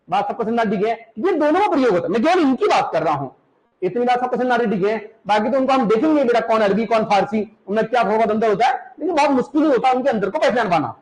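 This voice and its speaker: A male teacher from the Uttarakhand hills gives a classroom lecture, repeating words slowly for students to copy and often checking that they understand. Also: extremely high pitch, low-quality recording.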